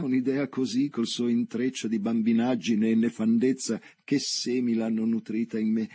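A man's voice: mid-range voice, a little mellow, breathy edge. Man reading as a sick brooding young woman.

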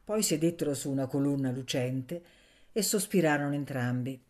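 Low-voiced woman reading a novel. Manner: measured, expressive. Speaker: audiobook reader. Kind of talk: literary reading for radio.

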